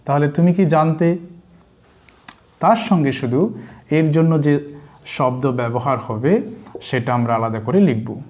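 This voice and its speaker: Man with bengali accent, english teacher, slow repeated examples, mellow voice, fairly high pitch. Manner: explains slowly, repeats example sentences in two languages. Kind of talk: language lesson.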